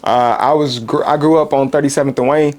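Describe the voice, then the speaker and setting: A man in his mid-thirties, from Kansas City, is a guest on a podcast and an actor. He talks about his life in a thoughtful, unhurried way with frequent "uh" and "um" pauses. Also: a little high, fairly even intonation, a little mellow. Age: 30s. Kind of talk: relaxed interview talk.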